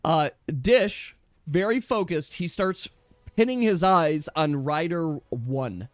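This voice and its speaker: A man's voice: on the high side, slow pace, no room sound. A man acts as game master for a tabletop game. He shifts between dramatic storytelling and casual asides to the players. The sound is close and dry.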